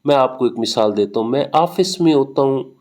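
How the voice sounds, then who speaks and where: A man's voice: mid-range voice, expressive, a little fast, darkish tone. Man giving a lecture. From Pakistan. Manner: explains with everyday examples, frequent hesitation fillers. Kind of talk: recorded lecture explaining linguistics.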